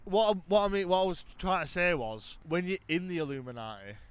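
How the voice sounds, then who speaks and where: A man's voice: high-pitched, fairly quick, clean tone. A British man co-hosting a podcast in casual banter, talking bluntly and swearing as if drunk. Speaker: podcast co-host.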